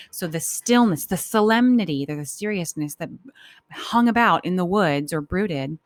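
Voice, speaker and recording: Her voice sits lowish with a darkish tone, and there's no room sound. She's a teacher reading a children's story aloud, breaking in with informal explanations and acting out what the characters are thinking.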